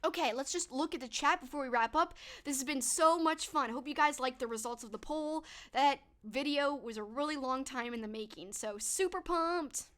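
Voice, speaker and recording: Sounding a little stuffed up, a young livestream host talks to her chat in a casual wrap-up, upbeat and thanking viewers individually. Her voice sits high and is a bit bright, moving at a moderate pace with few pauses.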